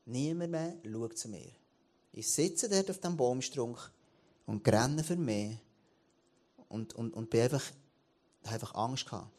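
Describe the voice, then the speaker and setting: Man, late 30s, church leader giving a sermon, animated delivery with frequent restarts. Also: medium pitch, measured pace, long pauses.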